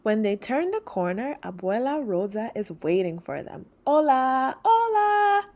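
A woman reading a children's picture book aloud, switching into high little voices for the greetings. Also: expressive, normal speed, mellow, dull audio.

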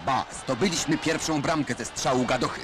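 A man narrates an old newsreel in a measured, mid-pitched voice, with wry and ironic turns in his commentary. The old film soundtrack carries a steady layer of hiss and background noise under his voice.

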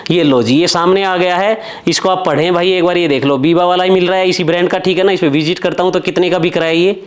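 A man's voice: high voice, steady tone, quick pace. A man hosting a casual shopping vlog in a big clothing warehouse, eagerly exclaiming and asking questions. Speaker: vlogger host. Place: large indoor clothing warehouse. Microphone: lapel mic.

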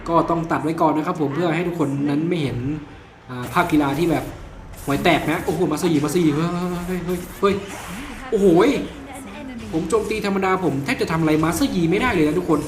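A man with a slight cold giving excited voice-over commentary on his own gameplay, crying out in bursts and laughing often. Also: fairly high pitch, fast talker, roomy sound, slight background noise. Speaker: gamer and video creator.

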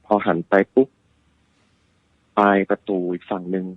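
A man's voice: low voice, level tone, moderate pace, no room sound. A man calling in to a radio show and casually telling a ghost story he heard from someone else, sometimes acting out frightened voices. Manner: acts out frightened voices in quotes. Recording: tinny phone line.

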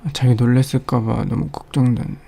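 A man doing a gentle whispered boyfriend role-play. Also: medium pitch, level tone. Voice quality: soft, breathy, dark and gravelly. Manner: gentle, soothing, slow, often whispering. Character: caring young boyfriend soothing a crying girlfriend. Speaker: boyfriend comforting a girlfriend.

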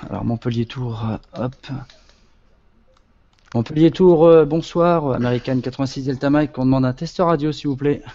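A man's voice: mid-range voice, moderate pace, dark tone, muffled recording. A man in a casual online chat while playing a flight simulator, informal and muttering through his tasks.

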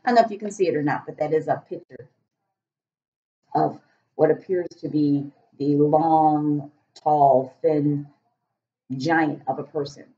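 A children's storybook is read aloud by a middle-aged woman, a teacher, in a low-pitched voice with expressive, deliberate phrasing. The laptop webcam at arm's length, in a small home room beside a kitchen, yields dull lo-fi audio.

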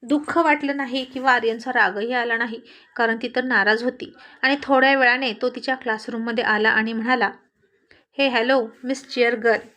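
A woman's voice: on the high side, fairly even intonation, a little fast, sharp tone. A woman narrating a college love story and reading every character's lines herself. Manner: reads all characters in the same voice. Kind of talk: storybook narration with acted dialogue.

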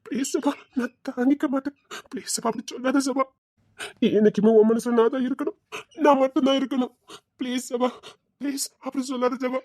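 A woman's voice: high-pitched, steady tone, brisk, a little mellow, no room sound, clean studio sound. A woman voicing a young man who begs and cries for the love of a friend in an audio drama. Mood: pleading. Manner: pleading, crying.

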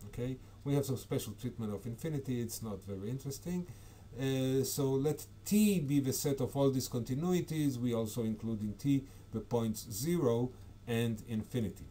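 A man's voice: mid-range voice, moderate pace, dark tone, slight background noise. A man giving an academic conference talk over slides, hesitant, with frequent fillers and self-corrections. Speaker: conference presenter.

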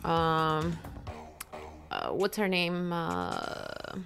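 A woman's voice: low-pitched, big pitch swings, drawn-out words, fairly bright tone, faint music behind. Curious woman asking questions on a podcast. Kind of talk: casual chat.

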